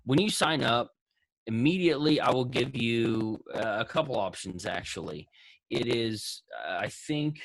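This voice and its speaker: Texan male entrepreneur guest, low-ish voice, dry close sound, rambling, upbeat. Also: a bit bright, no room sound, rough recording. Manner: rambling, enthusiastic, lots of restarts. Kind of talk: casual interview over video call.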